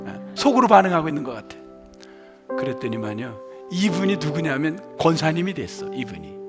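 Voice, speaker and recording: A male pastor preaching a sermon in a church, telling a story animatedly and acting out the people's words. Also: fairly high pitch. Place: church sanctuary.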